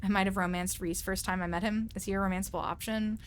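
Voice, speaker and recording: A woman's voice: mid-range voice, steady tone, fast talker, smooth. A woman streamer chatting casually over a story game, tossing off joking asides and giggles.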